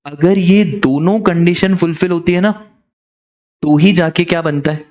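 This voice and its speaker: A man teaching a class, lively and teasing, telling joking stories and acting out the characters. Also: fairly high pitch, unhurried, highs cut off.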